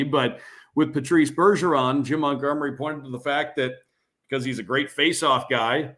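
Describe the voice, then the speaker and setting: A man who calls hockey play-by-play on radio gives casual analysis as a guest in a podcast interview. His mid-range voice sounds pushed and bright.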